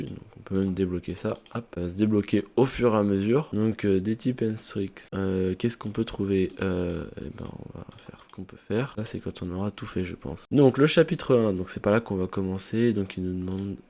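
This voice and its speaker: A man's voice: on the low side, mellow. A man casually commenting on his own gameplay in French as a YouTuber, thinking aloud with many fillers, on a poorly set-up mic. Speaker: gaming YouTuber. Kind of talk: casual let's-play commentary.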